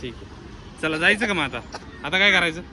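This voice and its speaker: A man's voice: a little high, lively intonation, a little fast, crowd noise. A man filming a family vlog in a public garden, talking casually to his viewers and urging the children along. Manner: chatty, addresses viewers as friends, hurries the children along. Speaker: family vlogger. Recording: outdoor phone audio with loud street noise.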